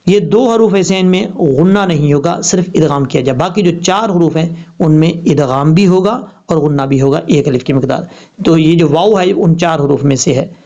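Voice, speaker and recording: A man's voice: fairly high pitch, dark tone. Pakistani man teaching Quran recitation. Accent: Pakistani Urdu. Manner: explains step by step, then recites words slowly and drawn out. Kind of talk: tajweed lesson. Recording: dull lo-fi sound.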